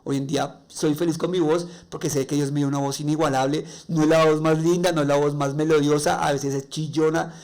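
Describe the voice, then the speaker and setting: A raspy, nasal man speaking with a Colombian accent, his voice sitting a bit high. He hosts a faith-based podcast and tells personal stories in an earnest, heartfelt monologue. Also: fairly even intonation, a little fast, hardly any pauses, a little mellow. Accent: Colombian Spanish. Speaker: podcast host.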